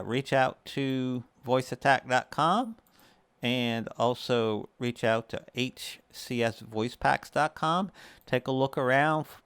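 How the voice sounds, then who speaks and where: A video creator with a medium-pitched, creaky voice hosts a casual gaming tutorial, explaining step by step in a conversational way. The tone is clean and the recording dry.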